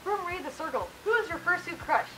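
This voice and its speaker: In a relaxed, rambling Q&A, a woman inside a costume head chats about viewer questions, laughing and using fillers as she goes. She talks a little fast in a very high-pitched voice over background noise.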